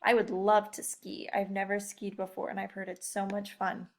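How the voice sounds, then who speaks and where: With slight background noise, a young woman teacher speaks at normal speed in a mid-range voice, her delivery completely flat. She's leading a read-aloud lesson, chatting casually and encouragingly with children and often asking them questions directly.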